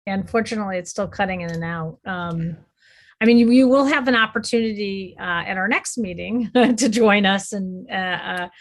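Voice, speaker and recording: A woman's voice: mid-range voice, normal speed. A woman chairing a town board meeting, meandering with frequent fillers. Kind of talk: public meeting discussion.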